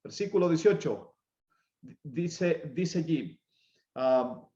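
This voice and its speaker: A man preaching an evangelistic sermon, his voice pitched a little high. He swings from loud, urgent calls down to hushed, slowed passages. The sound is roomy and slightly dull, as in a church hall. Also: animated. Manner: impassioned preaching with dramatic swings of pitch and loudness. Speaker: pastor.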